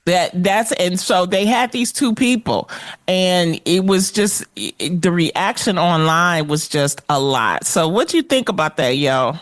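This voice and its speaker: Lively low-voiced woman telling a story. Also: a little slow, dry recording, clean studio sound. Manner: animated storyteller, colloquial, acts out quotes. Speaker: co-host and red carpet correspondent. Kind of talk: casual talk-show chat.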